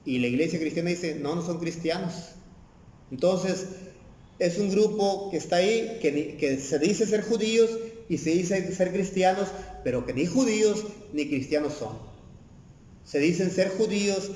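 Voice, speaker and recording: A man's voice: high voice, measured pace, a little mellow. A man with a Mexican Spanish accent preaching a sermon in a church hall, earnest, repeating phrases and using many "eh" fillers. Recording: echoey church hall with long reverb.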